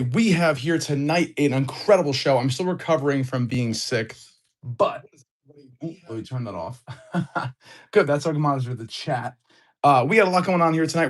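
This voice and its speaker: A male streamer opens cards live, welcoming his audience with hyped, excitable energy. His voice, medium in pitch, sounds slightly off as he gets over an illness.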